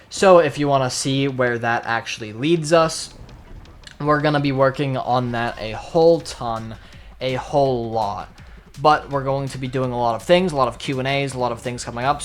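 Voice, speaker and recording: A young man hosting his own channel, wrapping up a video in a casual, rambling way and pushing through it quickly. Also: a little high. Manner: rambling and quick, admits he talks like an auctioneer. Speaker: channel host. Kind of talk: casual outro to the camera.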